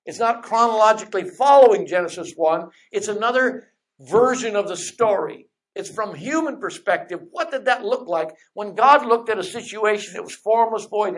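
A preacher delivering a sermon who repeats refrains and asks rhetorical questions, slows down to stretch key phrases, and drops into conversational asides. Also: medium pitch.

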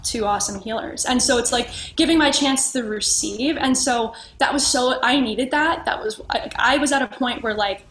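A woman's voice: on the high side, moderate pace, few pauses, fairly bright tone. Earnest woman in an echoey room. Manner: earnest, searching, rambling with many restarts. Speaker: podcast guest. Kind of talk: reflective conversational sharing. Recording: echoey room with faint noise.

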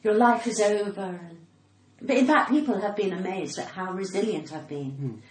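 A British woman in her sixties, a stand-up comedian, appears as a podcast guest in a candid conversational interview. Her cut-glass, well-spoken voice is medium-pitched and moderately paced as she talks frankly and earnestly. The room gives a roomy echo, with clear background noise.

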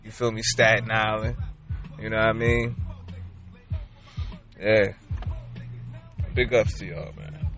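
A man hosting a casual late-night chat, easygoing and full of slang and shout-outs. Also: fairly low pitch, flat delivery, slow, long pauses. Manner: laid-back, agreeable, lots of slang and shout-outs. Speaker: podcast host. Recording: faint music in background.

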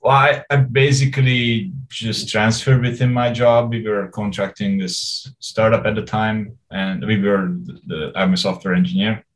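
A man's voice: on the low side, steady tone, normal speed, few pauses, poor audio. A man in his forties from Hungary, a guest in an interview, talking in a rambling, hesitant way and laughing often. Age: 40s. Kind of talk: casual conversational interview.

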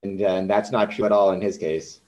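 Male podcast host, low mellow voice, hesitant and halting. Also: fairly even intonation, faint music behind, poor audio. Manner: hesitant, many ums and restarts. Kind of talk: conversational interview.

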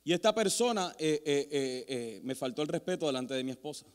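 A man preaching as a pastor, telling animated, self-mocking stories with many restarts. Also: a little high, fairly quick. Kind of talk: storytelling sermon. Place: church sanctuary. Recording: long hall reverb in a church.

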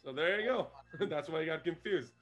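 A man casually recapping an old wrestling show as podcast co-host, animated and laughing often. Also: a little high, brisk, faint music behind.

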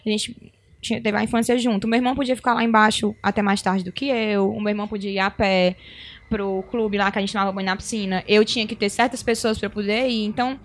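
A woman in casual podcast chat, animated and opinionated. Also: mid-range voice. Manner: animated, fast-talking, opinionated.

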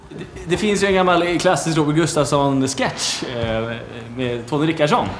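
A man's voice: on the high side, normal speed. A man co-hosting a podcast, asking guests questions in a friendly, casual way. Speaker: podcast co-host. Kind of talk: casual interview. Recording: long reverb and faint noise.

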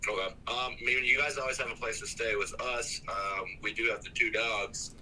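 A man's voice: medium pitch, fairly even intonation, normal speed, sharp tone, slight background noise, rough recording. A man talking in a casual, easygoing way as a friend calling in, heard over a speakerphone. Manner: laid-back, easygoing, slangy. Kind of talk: casual phone chat.

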